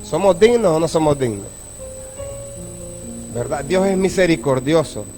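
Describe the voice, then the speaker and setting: Man preaching in church, pretty high voice, keeps asking the crowd if they follow, soft music underneath. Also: expressive, unhurried. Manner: preaching with frequent "¿verdad?" asides to the congregation. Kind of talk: sermon.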